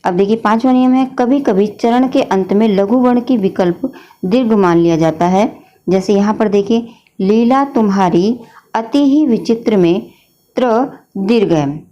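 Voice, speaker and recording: A woman's voice: medium pitch, moderate pace, dark tone, lo-fi sound. A woman teacher explaining a grammar lesson patiently, often addressing her students as children. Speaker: Hindi teacher.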